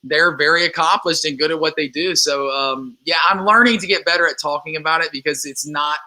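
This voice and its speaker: In a casual interview chat, a guest musician in his twenties from Louisiana rambles earnestly, circling back with restarts and fillers. His voice sits a little high for a man and has a strikingly bright, ringing tone. He speaks briskly, and the recording quality is low.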